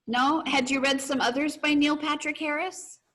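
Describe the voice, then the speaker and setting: Reading aloud to her pupils and leading their discussion, a woman teacher speaks encouragingly during an online video class heard over a video call. Her high voice is steady and fairly bright, delivered at normal speed.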